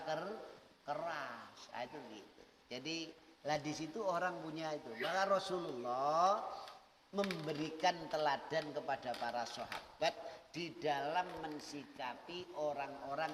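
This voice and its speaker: A middle-aged man with an East Javanese accent gives a sermon in a slightly high voice, explaining Arabic lines word by word in a folksy way. The sound bounces around a long, reverberant hall. He sits some way from the mic. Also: a bit bright, a little hiss or hum. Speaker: religious teacher. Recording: echoey hall, voice from far off.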